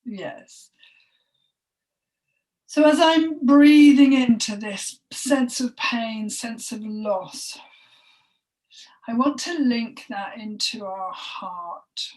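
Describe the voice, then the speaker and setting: A woman speaks through a spoken energy healing session in a halting, heartfelt way, sighing and dropping into soft breathy asides. Her voice sits a touch high. She is recorded a little away from the microphone. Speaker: healing session practitioner and co-host. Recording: voice distant from the mic.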